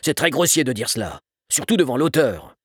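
A man playing a fussy, moralizing father who speaks in an emphatic, lecturing way, a little higher than his own voice. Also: big pitch swings, a little fast, husky, no room sound, clean studio sound.

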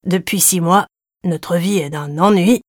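A woman's voice: lowish voice, a little slow, dry recording. A woman reader voicing a wry, joking young husband in an audiobook. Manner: dry, mocking tone.

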